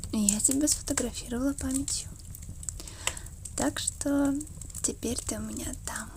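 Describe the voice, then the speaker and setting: A woman in an ASMR role-play as an affectionate, wistful girlfriend, murmuring slowly and intimately between a soft voice and a soft voice. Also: high voice, fairly even intonation, noisy background.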